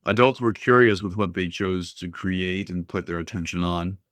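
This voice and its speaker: Deep-voiced guy narrating a storybook, dry close mic, calm and steady. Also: normal speed, dry recording. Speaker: audiobook reader. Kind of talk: scripted first-person narration.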